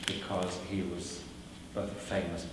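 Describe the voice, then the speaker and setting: Answering audience questions in a lecture, a Welsh-first-language performer delivers his words flatly, in a slightly low voice, measured and reflective, pausing often, using fillers and restarting sentences. The recording comes from a distance in a big reverberant hall, with noticeable background noise.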